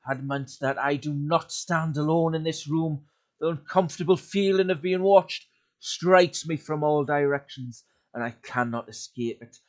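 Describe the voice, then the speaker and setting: Into a home desk mic, a YouTube creepypasta reader delivers a horror story dramatically at a moderate pace. He swings between loud urgency and hushed, breathy lows.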